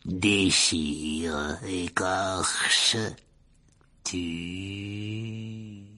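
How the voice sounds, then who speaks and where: A man voicing a cold, deadly, hungry unseen monster that speaks in a hushed, menacing way in a storybook reading. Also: deep voice, fairly even intonation, drawn-out words, pitched below the performer's own voice, exaggerated voice. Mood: cold menace.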